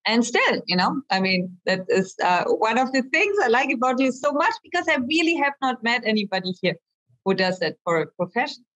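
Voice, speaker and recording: German-accented woman, higher voice. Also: big pitch swings, a little fast, fairly bright tone, poor audio. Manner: chatty, laughs often, many fillers. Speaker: guest artist. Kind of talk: casual conversation.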